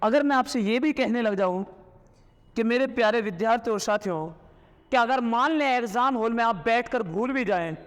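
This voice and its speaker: A man with a high voice gives a classroom lecture, sounding out vowels loudly to demonstrate them. He asks his students questions, answers them himself and dictates slowly with repeats. The room has a long, ringing reverb. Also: clear, resonant tone, muffled recording. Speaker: teacher.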